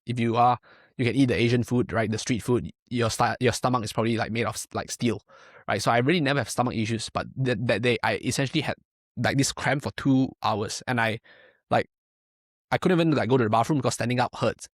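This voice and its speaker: A man's voice: mid-range voice, quick pace, no echo, clean studio sound. A young man from Malaysia, a powerlifting coach, talking casually in a podcast interview, filling his speech with "like" and "right?". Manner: rambling, many fillers and tag questions.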